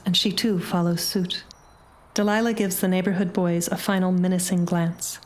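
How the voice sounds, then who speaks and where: Woman reading a short story, lowish voice, measured and dramatic. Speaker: audiobook narrator. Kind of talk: scripted short-story narration.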